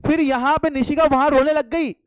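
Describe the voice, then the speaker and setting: Young male tutor, high voice, dry close sound, jokey, quizzes his live class. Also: steady tone, moderate pace, no echo. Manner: playful, teasing, quizzes students and answers himself; mixes English phrases into his talk. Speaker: online commerce tutor. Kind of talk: live online lecture with jokes.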